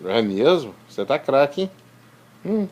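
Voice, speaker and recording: A man's voice: medium pitch, very animated, measured pace, darkish tone, a little hiss or hum. A father at home chatting playfully with his small sons, slipping into baby talk as he coaxes them to repeat words. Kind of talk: casual home video.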